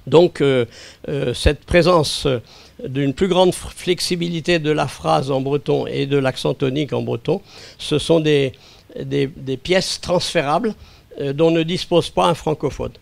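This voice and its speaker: A man speaking as an expert witness, explaining calmly and hesitating often with small chuckles. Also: a little high, unhurried, creaky. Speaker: linguist giving expert testimony. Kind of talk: lecture-style talk to a council. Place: meeting room.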